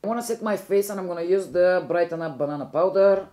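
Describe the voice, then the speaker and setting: Her voice sits on the low side and sounds mellow, and she talks fast. A young Bulgarian beauty vlogger with a Bulgarian accent, she chats her way through a makeup tutorial in a rambling manner, often stopping to correct herself.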